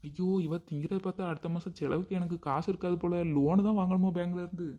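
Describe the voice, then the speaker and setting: A man's voice: sits high, fairly even intonation, fast, dark tone, muffled recording, lightly acted. A man playing a doting father who fusses and frets over the cost of his family, in a comic skit. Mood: dismayed. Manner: coaxing and pleading, often groaning in dismay. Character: doting, fretful middle-aged father worried about money.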